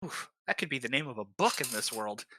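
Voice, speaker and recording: Relaxed, bright-toned game master narrating a tabletop session; dry, close sound. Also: mid-range voice, a little fast, no echo. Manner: relaxed, many "uh" fillers.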